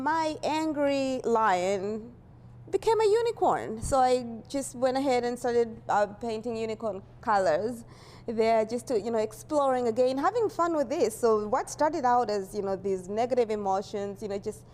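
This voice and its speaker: Her voice is on the high side and darkish. Born in Uganda, the artist describes her work in a relaxed, rambling manner, leaning on "you know" and laughing readily.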